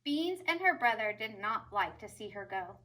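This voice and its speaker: A woman reading a picture book aloud as a teacher would to children, expressive and emphatic, with asides to young listeners. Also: mid-range voice, moderate pace, low-quality recording.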